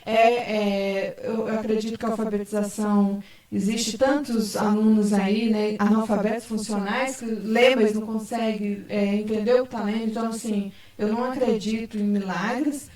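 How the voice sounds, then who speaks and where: A woman's voice: medium pitch, little pitch movement, normal speed, few pauses, darkish tone. A woman special education teacher telling a story on a panel talk, with many fillers. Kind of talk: panel talk show answer. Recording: echoey room, far from mic.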